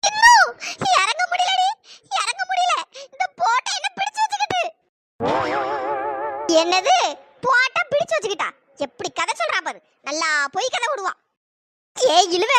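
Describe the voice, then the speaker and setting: A woman doing shrill bickering cartoon village women. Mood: whiny. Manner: bickering rural banter, whiny and scolding. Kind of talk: cartoon voice acting. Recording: noisy pitched-up processed voice.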